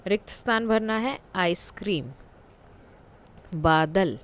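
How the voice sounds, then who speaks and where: A woman teacher explaining a worksheet in a patient way, repeating words slowly for her students. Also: mid-range voice, animated.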